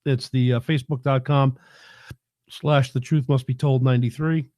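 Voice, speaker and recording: Mellow-voiced New man chatting live. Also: mid-range voice, level tone, normal speed, no echo, studio quality. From New York. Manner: rambling, folksy, many fillers. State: tail end of a head cold. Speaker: host of a live broadcast. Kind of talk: casual livestream talk. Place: his home in the South.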